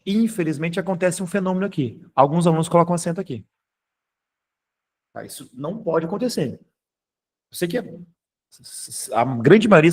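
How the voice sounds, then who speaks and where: A man with a Brazilian Portuguese accent teaches grammar in a live online class. His voice sits a touch high, and his delivery is informal and patient. He keeps pausing to check that students are following. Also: darkish tone. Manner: explanatory, keeps checking in with "tá?" and "beleza?"; informal, occasionally swears.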